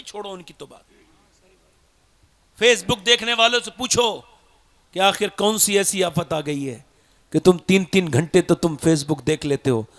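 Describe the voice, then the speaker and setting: A man preaching a sermon, swinging from shouted peaks down to low, quiet appeals. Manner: fiery, rises to shouts then drops low.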